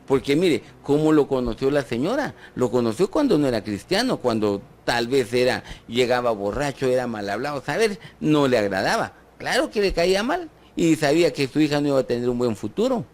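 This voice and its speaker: A man's voice: medium pitch, very animated, brisk, few pauses. A man with a Guatemalan accent preaching a sermon, asking his listeners rhetorical questions and joking with them. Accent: Guatemalan Spanish. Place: church.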